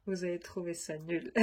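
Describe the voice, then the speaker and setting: A woman's voice: on the low side, a little slow, slight background noise. A woman vlogger chatting casually to camera, her voice nasal from a stuffy nose, rambling with many fillers. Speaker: crafts vlogger.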